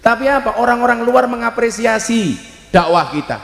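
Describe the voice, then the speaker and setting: A man with a Javanese accent preaching a humorous live sermon, joking and breaking into loud, emphatic shouts. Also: very high-pitched, lively intonation, normal speed, vocal fry, faint music behind. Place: large hall at a live religious gathering. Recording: echoey hall with long reverb.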